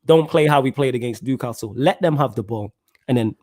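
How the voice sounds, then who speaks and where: A man's voice: mid-range voice, brisk, a little mellow, no echo. A man with a London roadman accent hosting a casual football fan podcast, talking in slangy street style to his listeners and co-host.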